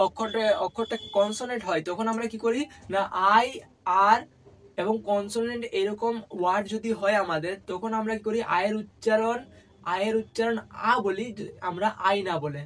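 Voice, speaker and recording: A man's voice: high-pitched, fairly bright tone, low-quality recording. A man teaching English spelling rules in a classroom-style lesson, repeating each point and asking rhetorical questions that he answers himself. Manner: repetitive, asks rhetorical questions and answers them.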